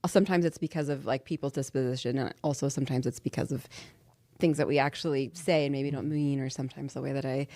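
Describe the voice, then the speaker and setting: A woman's voice: extremely low pitch, fairly even intonation, fast talker, dark tone, no echo. A woman co-hosting a podcast in casual, teasing conversation. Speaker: podcast co-host. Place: studio.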